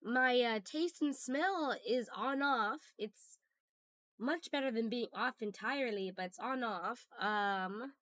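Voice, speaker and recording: A woman streamer, hoarse from a cold, chatting casually with her viewers and greeting them by name. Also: on the high side, takes it slowly, fairly bright tone, dry recording, studio quality.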